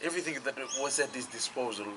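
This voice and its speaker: A man's voice: medium pitch, lively intonation, fast talker. Man from Fiji, casual faith chat. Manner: repeats "that's it" as agreement. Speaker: worship leader. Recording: noticeable background noise.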